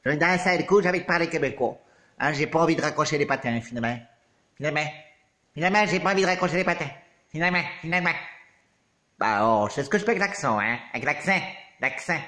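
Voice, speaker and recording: A man playing a theatrical, touchy character who fusses over a returning friend, swinging from squeals to low mutters. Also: sing-song, unhurried, a bit bright, heavily acted. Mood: emotional. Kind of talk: comedy monologue.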